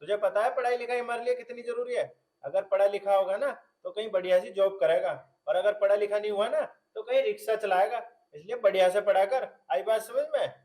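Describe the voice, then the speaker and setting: An actor playing a hot-tempered young village husband, who scolds loudly and shouts in exasperation. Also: male voice, high voice, a little fast, close to an everyday voice. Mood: lecturing. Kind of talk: rural comedy film acting.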